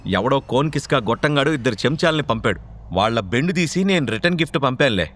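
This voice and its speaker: A man's voice: mid-range voice, lively intonation, fast, fairly bright tone, natural voice. Man doing a cocky, brash young fighter. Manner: brash, dismissive. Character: injured, cocky young man shrugging off wounds.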